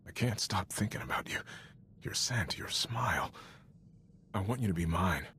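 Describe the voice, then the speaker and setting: Deep-voiced man lovestruck suitor, love bombing. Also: expressive, normal speed, pushed and bright, slight background noise. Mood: adoring. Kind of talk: video game voice acting.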